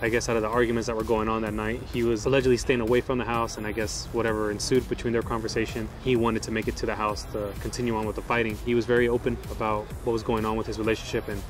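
A man's voice: lowish voice, level tone, very fast, hardly any pauses, music in the background. A young male police officer recounting an incident to camera, recorded outdoors.

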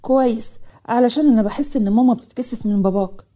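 A woman's voice: on the high side, quick pace, mellow, natural voice. A woman voicing a playful, curious young woman with an Egyptian accent. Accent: Egyptian Arabic.

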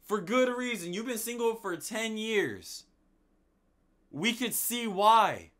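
A man's voice: high-pitched, animated, slow, a bit bright. A man giving slangy, laid-back reaction commentary as a streamer, talking at the screen.

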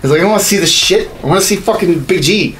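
A man in his thirties with a high, fairly bright voice talks fast as a podcast co-host, chatting casually and bluntly and swearing freely while he shares his opinions. He's in a small home studio, speaking into a podcast mic on a desk boom arm, and background noise is clearly audible.

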